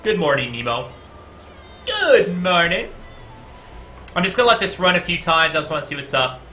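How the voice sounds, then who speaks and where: Bright-voiced man live-coding aloud. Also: fairly high pitch, very animated, normal speed, faint music behind. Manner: chatty, talks to viewers in chat between code explanations; guessing and reasoning out loud with frequent "uh". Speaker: game developer streaming his coding.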